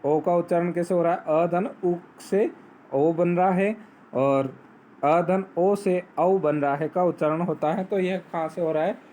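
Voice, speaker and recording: A man teaching a grammar lesson, explaining step by step, asking questions and answering them himself, and reciting rules slowly. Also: sits high, fairly even intonation, dark tone, slight background noise. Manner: recites Sanskrit sutras slowly. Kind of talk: Hindi grammar lesson on phonetics.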